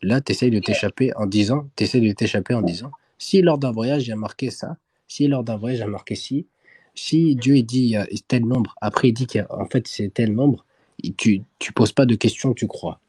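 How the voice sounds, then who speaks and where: A man's voice: medium pitch, normal speed, warm tone, slightly rough, no echo, clean studio sound. A man arguing hard in an online religious debate, pressing the same demands over and over. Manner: insistent, repeats demands. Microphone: own microphone in an online voice room.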